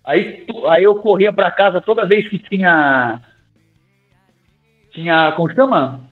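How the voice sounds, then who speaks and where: A young man, a singing teacher, telling animated, slangy stories in a podcast interview and acting out his own old lines. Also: high voice, a little slow. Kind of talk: casual storytelling in a podcast interview. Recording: tinny phone-like sound with faint music.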